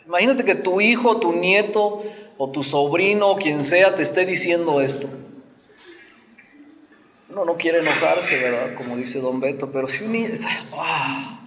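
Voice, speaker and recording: Man, sermon, animated storytelling, slightly high voice, long hall echo. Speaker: preacher.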